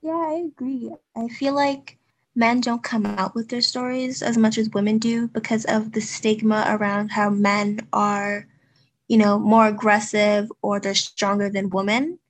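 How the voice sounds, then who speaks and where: A woman's voice: medium pitch, little pitch movement, a little slow, rough recording. A young woman presenting on a youth podcast, talking in a conversational style. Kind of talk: conversational discussion.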